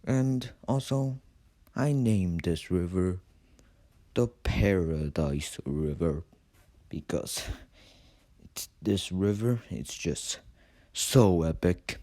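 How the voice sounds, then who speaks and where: Deep, slow deadpan mock-documentary narrator, a man. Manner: deadpan, casual, sweary mockery. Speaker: narrator of a parody nature documentary. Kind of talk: ad-libbed comic nature documentary commentary.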